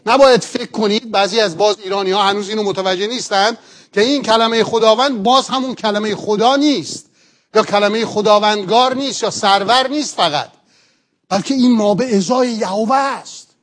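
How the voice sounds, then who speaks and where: A middle-aged man, a pastor, teaching a sermon earnestly, explaining step by step and asking rhetorical questions. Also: high-pitched.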